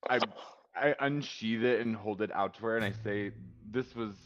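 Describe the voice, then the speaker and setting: A man's voice: on the low side, moderate pace, highs cut off, noisy background. A man playing in a tabletop game, talking in a casual, hesitant way with restarts. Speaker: player.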